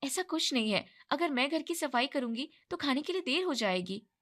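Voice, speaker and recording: Tired young wife voiced by a woman, weary, resentful, bright high voice, storybook. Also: lively intonation, moderate pace.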